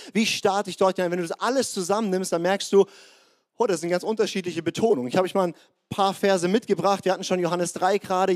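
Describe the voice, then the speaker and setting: A male preacher in the middle of a church sermon. His voice sits a little high, and he talks straight to his listeners in a warm-blooded, conversational way, with plenty of fillers and quick asides. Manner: lively, direct address to the congregation. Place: church service.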